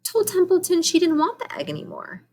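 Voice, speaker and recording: A woman's voice: extremely high pitch, very animated, fairly quick, darkish tone, slight background noise, voice pushed up. A woman voicing an earnest, chatty young farm girl from a storybook in an eager, matter-of-fact manner. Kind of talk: storybook character voice.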